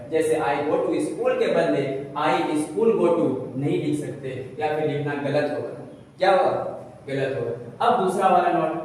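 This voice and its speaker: A man's voice: fairly high pitch, darkish tone, a little hiss or hum. A man teaching a basic English lesson, who keeps asking questions and answering them himself. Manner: repetitive, asks and answers his own questions. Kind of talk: classroom lesson explaining grammar. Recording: echoey room heard from a distance.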